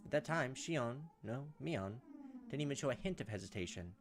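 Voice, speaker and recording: A man hosting a gameplay video reads a visual novel aloud with theatrical, punchy delivery, mixing dramatic narration with joking commentary. His mid-range voice has lively intonation and a moderate pace, over game music with a little hiss or hum.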